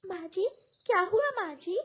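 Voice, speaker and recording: A woman voicing a gentle, meek young bride sparrow in a cartoon, speaking in a pleading, timid way. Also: high-pitched, measured pace, vocal fry, voice pushed up.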